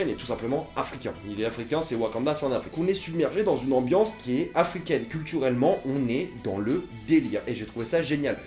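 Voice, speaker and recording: A man's voice: mid-range voice, mellow, reverberant. A young man giving an enthusiastic, casual film review, often stopping to correct himself. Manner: fast, enthusiastic, self-correcting.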